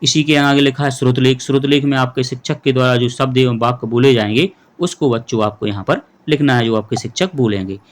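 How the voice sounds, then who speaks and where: A man's voice: mid-range voice, a little fast, hardly any pauses. A male teacher going through a workbook lesson for young pupils, explaining each answer patiently and step by step while addressing the children.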